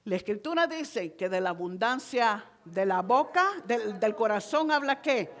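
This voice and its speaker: A woman delivering a sermon to her church congregation, her voice sitting a little higher than most. She preaches in a relaxed, conversational way, keeps asking her listeners whether they follow, and drops in the odd English word. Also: unhurried. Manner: conversational, constantly asks the congregation "¿verdad?"; mixes in English words like "so". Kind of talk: Spanish-language sermon.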